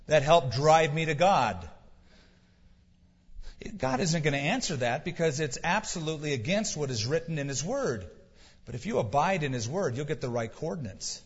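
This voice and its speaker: A man's voice: on the high side, big pitch swings, normal speed, husky. A man preaching a sermon as pastor, telling stories and building to emphatic questions. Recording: dull lo-fi sound with long hall reverb.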